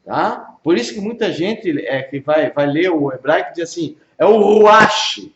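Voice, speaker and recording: Brazilian guy teaching hebrew slow, kinda high voice, echoey room and dull audio. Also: lively intonation. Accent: Brazilian Portuguese. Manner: patient, repeats pronunciations slowly, checks understanding. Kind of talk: informal one-on-one language lesson.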